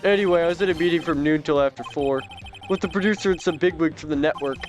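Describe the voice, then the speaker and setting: A man voicing a laid-back male TV director with a slow, drawling slacker manner. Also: fairly high pitch, faint music behind, close to an everyday voice.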